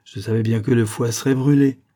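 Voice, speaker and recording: A man's voice: mid-range voice, steady tone, brisk, dark tone, lightly acted. A man reading as a fussy grumbling friend. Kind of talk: audiobook character reading.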